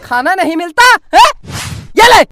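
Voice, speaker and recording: A woman voicing a gruff, short-tempered middle-aged father in a comic cartoon who scolds harshly. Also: very high-pitched, big pitch swings, a little slow, heavily acted. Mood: scolding. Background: background music.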